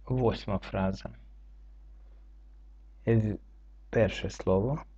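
A man teaching French reading, going through it slowly word by word and spelling out letters and rules. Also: on the low side, steady tone, dark tone, husky. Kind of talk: slow word-by-word reading lesson. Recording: dull lo-fi recording.

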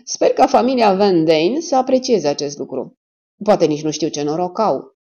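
A woman's voice: lowish voice, mellow. A woman voicing an easygoing, laconic male sidekick with a casual, wry way of talking. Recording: dull lo-fi audio.

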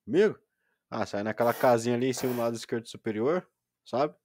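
A man's voice: mid-range voice, fast, a little mellow, a little hiss or hum. A man streaming a game, patiently explaining the menus to a friend step by step. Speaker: gaming livestreamer. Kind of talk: casual gaming stream chat.

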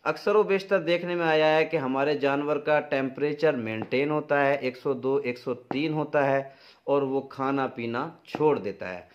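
A middle-aged man with a Pakistani accent presents farming advice, explaining things practically and informally to camera in a medium-pitched voice at a measured pace. The dull, lo-fi recording carries a little hiss or hum.

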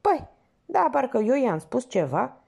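A woman's voice: fairly high pitch, very animated, vocal fry, darkish tone, slightly rough, pitched above the performer's own voice, full character voice. A woman voicing a fawning, gossipy older male theater porter in a novel she reads aloud. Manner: obsequious, gossipy, exclaiming.

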